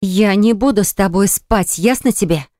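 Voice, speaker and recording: A man's voice: high voice, normal speed, darkish tone, no echo, natural voice. A man reading an audiobook, voicing a defiant, indignant young pregnant woman in a raised, heated voice. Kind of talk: audiobook character voice. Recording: dry close studio recording.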